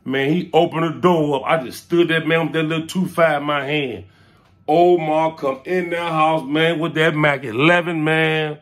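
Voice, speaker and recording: Animated man telling stories. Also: fairly high pitch, moderate pace. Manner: animated, acts out quoted lines, fills with "man". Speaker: interviewee recounting his past. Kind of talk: casual storytelling.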